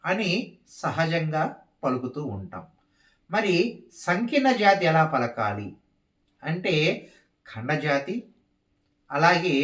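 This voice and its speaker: A man with a fairly high, lively voice gives a dance rhythm lesson at an unhurried pace. He counts the beats aloud one syllable at a time. He sounds roomy, picked up from a distance. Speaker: dance teacher.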